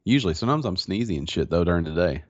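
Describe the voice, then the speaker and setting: A podcast co-host with a deep, animated voice races through a casual, laid-back chat full of slang. He sounds slightly congested, like he has a stuffy nose. The dull, lo-fi recording was made in a small home office in a converted barn.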